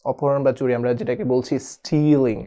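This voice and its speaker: A man's voice: medium pitch, steady tone, fast, mellow, clean tone. A man teaching a spelling lesson who mixes English words into his talk and spells words out letter by letter. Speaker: online spelling tutor.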